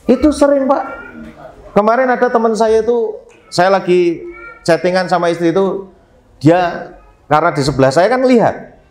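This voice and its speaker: A man preaching a sermon in a lively, joking way. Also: high-pitched, normal speed, long pauses, roomy sound. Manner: lively, joking with Javanese phrases.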